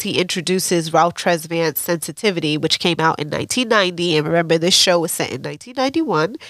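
Low-voiced woman podcaster, candid recap. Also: no echo, studio quality. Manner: candid, opinionated, ranting with laughs. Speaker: podcast host.

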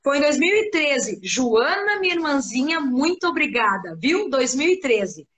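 High-voiced gaúcha host. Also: female voice, a little slow. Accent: gaúcho (Rio Grande do Sul). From Rio Grande do Sul. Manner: lively, talkative, addresses listeners. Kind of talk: live online interview.

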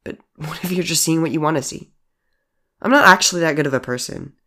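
C J is an eighteen-year-old who deflects with dry jokes and puts themself down, as a narrator puts them on. The voice is mid-pitched with a gravelly grain. The scenes come from a read-aloud story. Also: fast talker, sharp tone. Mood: wry. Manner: wry jokes over hidden hurt. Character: self-deprecating young person named C J, age eighteen. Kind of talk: audiobook character voice.

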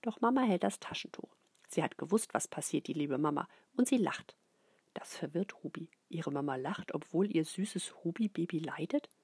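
Breathy middle-aged woman reading a storybook. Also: deep voice, moderate pace, no room sound. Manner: expressive, drops into soft whispers. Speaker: narrator. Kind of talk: reading a children's book aloud.

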